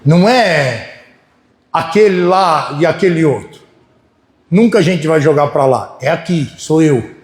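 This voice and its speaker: A man with a Brazilian Portuguese accent preaching a sermon to his congregation in church. He speaks in a folksy way, keeps checking in with the listeners, and swings between loud and soft. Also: a little high, lively intonation, a little slow. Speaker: pastor.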